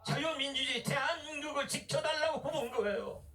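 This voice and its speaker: A male pastor preaches at an outdoor rally, his voice high and bright as he shouts his message. The sound carries with a roomy echo, picked up from well away from the mic. He keeps pushing his voice harder and harder. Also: steady tone, a little fast. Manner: shouting, preaching with rising intensity. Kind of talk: fiery political rally sermon. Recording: echoey loudspeaker sound from far off.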